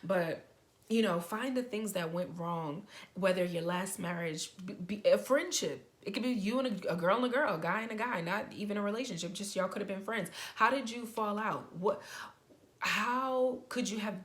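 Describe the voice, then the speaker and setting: Young woman vlogger, eager and rambling, trips over her words, mid-pitched voice. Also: normal speed. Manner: excited, rambling, stutters often. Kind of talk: casual advice talk to camera.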